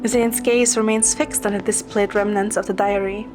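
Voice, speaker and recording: A woman narrates a scripted first-person story as an amateur voice performer, her medium-pitched voice flat and moderately paced. Clear music plays in the background.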